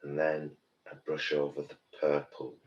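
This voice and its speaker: A man's voice: a bass voice, completely flat delivery, measured pace, highs cut off. A British man in his early fifties, a campy drag queen chatting casually and thinking aloud during a live makeup session. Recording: roomy, distant, noisy background.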